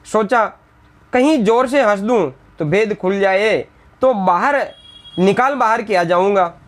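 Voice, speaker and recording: A male teacher explaining a Hindi textbook lesson, reading lines and then retelling them in simple words. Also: high voice. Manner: briefly acts out the village women's scolding lines. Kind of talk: classroom lesson explaining a text.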